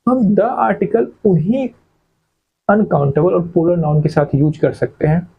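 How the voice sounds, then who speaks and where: A man lectures on English grammar in a slightly husky voice, a touch higher than most men's. He asks rhetorical questions and answers them himself, repeating key terms as he goes. The recording sounds dull and lo-fi. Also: moderate pace. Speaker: English teacher.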